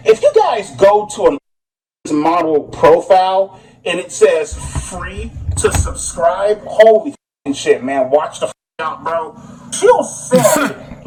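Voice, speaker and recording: A man's voice: sits high, a little mellow, a little hiss or hum, low-quality recording. A man ranting profanely to camera in a vlog clip, heated and blunt. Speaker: vlogger in a clip. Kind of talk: rant to camera.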